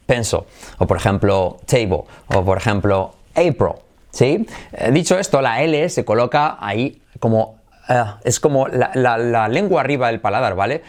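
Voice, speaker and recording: Spanish man teaching English pronunciation. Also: medium pitch. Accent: Spanish from Spain. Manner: repeats example words slowly and clearly. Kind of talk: pronunciation lesson.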